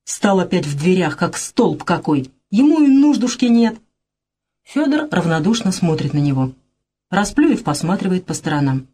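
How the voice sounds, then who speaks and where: A woman reading the stage directions of a play aloud in a plain, even manner. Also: lowish voice, normal speed, slightly rough.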